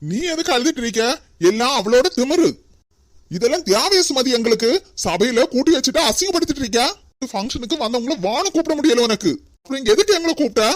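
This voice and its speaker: A stern cartoon older brother with a Kanyakumari accent, indignant and scolding as he defends his wife, as a woman acts him out. The voice sits a little high and sounds dry and close. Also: lively intonation, fast, dry recording. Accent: Kanyakumari Tamil.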